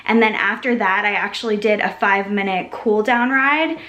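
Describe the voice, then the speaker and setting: A woman's voice: mid-range voice, moderate pace, sharp tone, reverberant. A woman vlogging to a handheld camera in casual, upbeat chat, full of likes and ums, out of breath after a workout. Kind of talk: casual vlog talk to camera.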